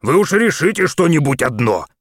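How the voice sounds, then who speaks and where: A gruff crew boss barks back in exasperation, as a male reader acts him out. His voice is loud and pushed high. The recording is dry and close. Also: lively intonation, fairly quick, dry recording. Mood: exasperated. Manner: gruff, barking.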